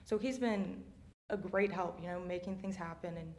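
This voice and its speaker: A woman's voice: on the low side, moderate pace, a little hiss or hum. A young woman being interviewed as a student athlete guest. She answers in an upbeat, chatty way with lots of "you know". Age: young adult.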